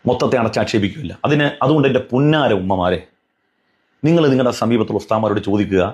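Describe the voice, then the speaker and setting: A man talks fast in a medium-pitched, slightly mellow voice, giving an earnest, pleading religious commentary full of admonishment, repetition, and rhetorical questions. The sound is lo-fi.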